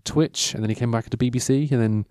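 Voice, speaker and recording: The recording is dry, and the man speaking has a mid-range voice with a darkish tone and talks fast. In his mid-thirties, he chats in a rambling, self-interrupting way, loses his train of thought, and leans on dry self-mocking humour.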